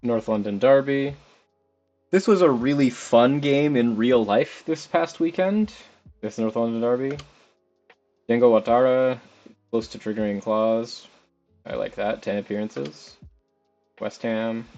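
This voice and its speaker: In a medium-pitched, darkish voice, a young man streams a football management game, speaking a little slowly and pausing often. He chats casually and rambles at the players on screen, with background music in slightly dull stream audio.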